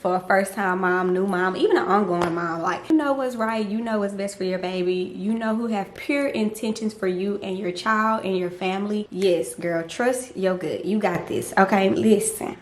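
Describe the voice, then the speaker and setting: A woman's voice: mid-range voice, moderate pace, few pauses, a little hiss or hum. Chatty woman in an echoey room. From Louisiana. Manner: chatty, animated, speaks to viewers as girlfriends. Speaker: mom vlogger. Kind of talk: casual storytelling to camera.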